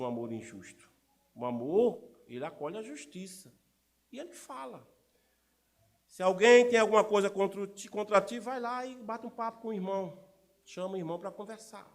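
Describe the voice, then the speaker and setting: Male pastor, middle-aged, high-pitched, lively sermon delivery with constant rhetorical questions. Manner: animated, rhetorical questions to the congregation. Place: church.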